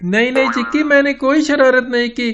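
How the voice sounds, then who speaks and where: A man's voice: very high voice, fairly even intonation, brisk, over music. A man voicing a mischievous young village boy who teases his father. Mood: pleading innocent. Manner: cheeky, teasing.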